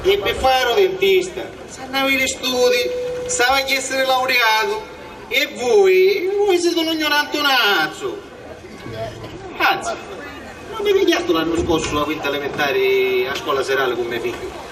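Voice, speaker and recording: A man acting a mocking, sceptical village crony in a stage comedy, needling and animated, in Sicilian dialect. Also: high-pitched, a little slow, a crowd in the background. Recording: echoey theatre stage, distant mic, audience.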